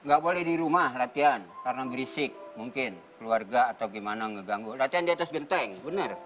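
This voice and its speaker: An older man talks in an earnest, measured way, stopping now and then to search for words. His voice is mid-pitched, with faint music behind it in the studio. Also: expressive, fairly bright tone, rough recording. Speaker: theater group founder and guest. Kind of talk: reflective talk show storytelling.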